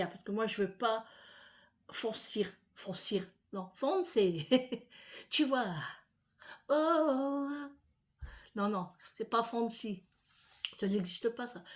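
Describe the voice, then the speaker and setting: A middle-aged woman from France talks straight to her viewers in a relaxed, rambling vlog chat. Her speech wanders from one small aside to the next, full of fillers and restarts. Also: medium pitch. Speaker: vlogger. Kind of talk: casual chat to camera.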